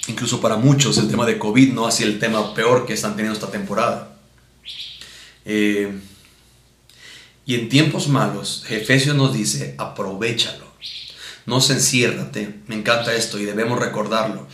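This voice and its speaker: At a missions conference, a pastor with a Mexican accent gives a teaching sermon with Bible readings, didactic, repeating points and checking in with rhetorical questions. His voice is fairly low and fairly bright, steady in tone at a moderate pace. The sound is roomy and echoing.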